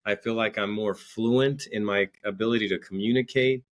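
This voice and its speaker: On a podcast, this male guest, an entrepreneur and coach, talks things through in a conversational way, frequently repeating words. He speaks on the low side with a steady tone at normal speed.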